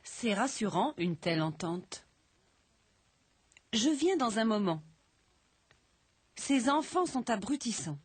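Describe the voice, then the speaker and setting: A woman with a slightly high, faintly breathy voice reads lesson sentences plainly and evenly. The recording is close and dry. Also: very animated, takes it slowly, pauses often, no echo. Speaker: language course speaker. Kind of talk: read example sentences for a lesson.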